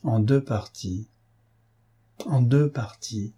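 A man's voice: medium pitch, moderate pace, warm tone, husky, natural voice. A man reading an audiobook, voicing a shaken old male witness who hesitates and repeats himself. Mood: puzzled.

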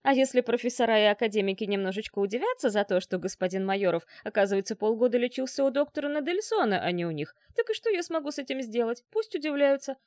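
A woman's voice: a little high, animated, quick pace, few pauses, darkish tone, dry recording, studio quality. A woman voicing a fussy, chattering middle-aged male doctor who talks in a wheedling way. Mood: wounded.

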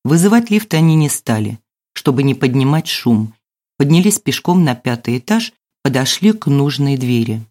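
Low-voiced woman narrating an audiobook. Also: big pitch swings, normal speed, dark tone. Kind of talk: scripted narration.

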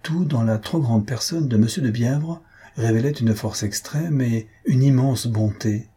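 A man reading a novel aloud in even, measured scripted narration. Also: mid-range voice, breathy edge. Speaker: audiobook reader.

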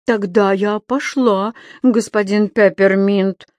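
A woman's voice: mid-range voice, steady tone, slow, a little mellow, no room sound, studio quality, lightly acted. Woman doing a fussy, reproachful secretary. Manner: reproachful, fussing.

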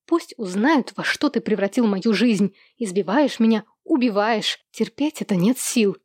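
A woman's voice: medium pitch, animated, unhurried, no echo, clean studio sound. A woman voicing a bitter, hysterical middle-aged mother who hurls accusations and threats, read as an audiobook. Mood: bitter accusing.

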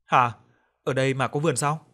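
A man voicing a young woman, a blunt and talkative best friend who scolds briskly. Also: medium pitch, fairly bright tone, natural voice.

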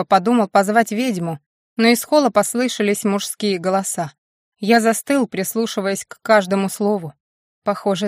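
A woman narrating a fantasy audiobook in a steady, even reading voice. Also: mid-range voice, no echo, studio quality.

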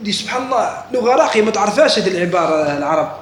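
A man's voice: sits high, lively intonation, racing. A man giving a classroom religious lesson, often stopping to ask students if they follow. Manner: keeps checking students understand, asks questions. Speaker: religious teacher. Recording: echoey room with faint noise.

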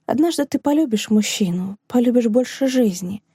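A woman reading an audiobook, voicing a heartbroken woman teacher who speaks in a hushed, trembling but firm manner. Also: a little high, expressive, normal speed, slightly rough, dry recording, clean studio sound. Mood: sorrowful, resolute.

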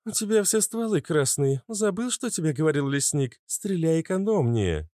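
A man voicing a confident young woman who leads the group and calms a giant, in an audiobook reading. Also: on the high side, dry recording, studio quality, voice pushed up. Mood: brisk. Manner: brisk, reassuring.

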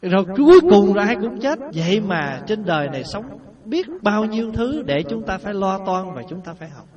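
Folksy monk teaching. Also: male voice, high-pitched, animated, fairly quick, darkish tone. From Vietnam. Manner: folksy, asks the audience questions. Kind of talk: dharma talk. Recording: muffled distant recording.

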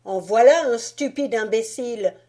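A woman voicing a bossy, boastful young boy in a storybook, loud and swaggering. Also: on the high side, moderate pace, pitched above the performer's own voice, natural voice.

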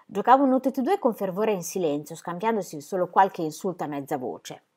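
Calm woman reading a novel aloud. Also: medium pitch, fairly quick, husky. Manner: calm, even storytelling. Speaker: audiobook reader. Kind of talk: scripted narration.

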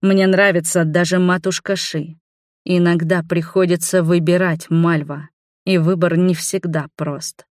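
Gentle calm male lover, soft and slow, lower voice, played by a woman in an audiobook. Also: no echo, studio quality, close to an everyday voice.

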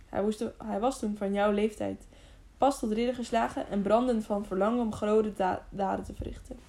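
A woman reading an old male hermit in an audiobook, speaking softly and solemnly. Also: mid-range voice, fairly even intonation, moderate pace, natural voice.

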